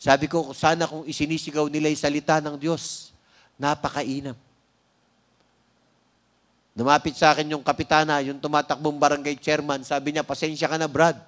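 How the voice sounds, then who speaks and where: A high-pitched man with a Filipino accent delivers a church sermon. He keeps checking in with the congregation with "Amen?" and stretches out important words to stress them. Now and then he slips in a light, joking aside. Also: little pitch movement, fairly bright tone. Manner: frequent "Amen?" prompts to the congregation; slows down to stress key words. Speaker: preacher. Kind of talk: sermon with opening prayer.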